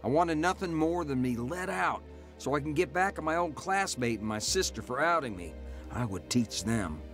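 Over music, an actor voices a hardened convict narrating his life story in a scripted first-person radio drama. His fairly high, slightly bright voice is animated and moderately paced, with a wry, hard edge.

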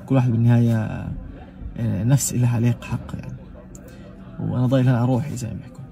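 A man's voice: mid-range voice, fairly even intonation, creaky, mellow, faint music behind. A young man from Gaza with a Gazan Arabic accent, talking in a casual personal monologue and swearing oaths for emphasis. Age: young adult. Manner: emphatic, swears oaths often, talks rapidly. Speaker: vlogger.

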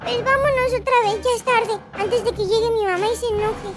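A woman with a very high, bright voice narrates a playful game role-play for young viewers. She swings into squealing, over-the-top exclamations, and cheerful children's music plays clearly behind her. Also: fairly quick. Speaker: gaming YouTuber. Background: cheerful children's background music.

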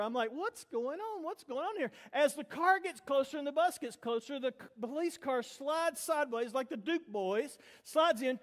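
High-voiced pastor in an echoing hall. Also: male voice. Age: middle-aged. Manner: animated, acts out the voices of people in his story. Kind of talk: storytelling sermon.

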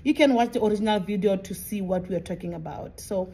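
A woman chatting casually in a home vlog, warm and emphatic, repeating phrases for effect. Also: medium pitch, quick pace, slight background noise. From Botswana. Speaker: vlogger.

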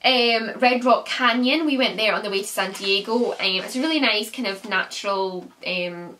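A woman's voice: mid-range voice, moderate pace, bright, forceful tone, recorded from a distance, a little hiss or hum. A young woman in her twenties from the UK gives a chatty, casual travel recap to camera from a small bedroom, often saying "um" and "like". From United Kingdom. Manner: chatty, with frequent "um" and "like". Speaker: travel vlogger.

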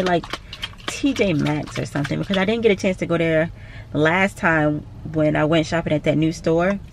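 A woman's voice: on the low side, vocal fry, slight background noise. Chatty tired young woman in a car. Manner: chatty, tired and cranky, with laughs. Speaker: vlogger. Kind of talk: casual vlog chat. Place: parked car. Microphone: handheld camera close by.

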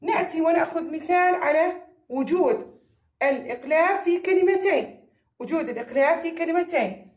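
A woman's voice: very high voice, normal speed, darkish tone. Young jordanian woman teaching kids, echoey room, says things twice. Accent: Jordanian Arabic. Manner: repeats key phrases, asks and answers her own questions. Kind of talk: recorded classroom lesson.

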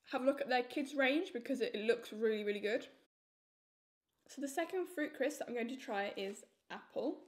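A young woman giving a casual, enthusiastic snack review to camera as she tastes crisps, repeating words for emphasis. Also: a little high. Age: young adult. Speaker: food reviewer.

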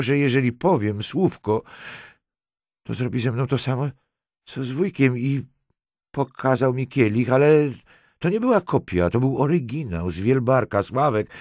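A man's voice: medium pitch, animated, unhurried, vocal fry, a little mellow, no echo, voice pushed up. A man reading a young woman, teasing at first and later frightened and close to tears. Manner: teasing, then pleading and breathless.

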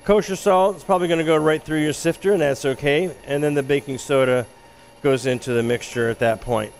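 A man working as a chef instructor, giving a relaxed, explanatory cooking demonstration in an instructional kitchen. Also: on the high side, fairly quick, slight background noise. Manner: relaxed, explanatory, with frequent restarts.

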